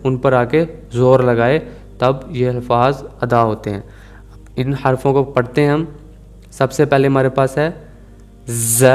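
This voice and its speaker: A man teaching Quranic letter pronunciation in an Urdu accent, drilling each sound slowly over and over. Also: medium pitch, darkish tone. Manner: slow, repeats letters and words for drilling. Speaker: tajweed teacher. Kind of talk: recorded Quranic pronunciation lesson.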